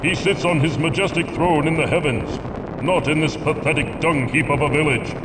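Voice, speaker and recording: An actor voicing a haughty Aztec warrior deity in a video game, making stern, righteous, solemn declarations. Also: male voice, on the high side, normal speed, recorded from a distance, heavy background noise, natural voice. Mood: imperious, stern.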